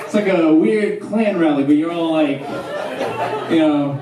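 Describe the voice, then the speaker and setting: A man's voice: on the high side, unhurried. A man in his thirties doing a loose, rambling stand-up comedy set, laughing between his jokes. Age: 30s. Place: small theater stage with audience. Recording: echoey room from far off, crowd noise.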